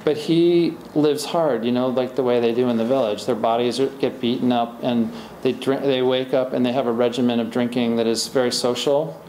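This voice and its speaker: With hardly any pauses, a middle-aged author at a library podium answers questions at normal speed in a medium, slightly mellow voice with fairly even intonation. He rambles and restarts conversationally; a podium mic and a far camera record the echoey room with faint hiss.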